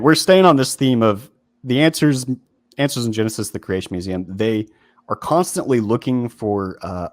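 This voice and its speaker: A man's voice: deep voice, dry recording. A man hosting a video essay in casual commentary, talking informally with lots of fillers and restarts.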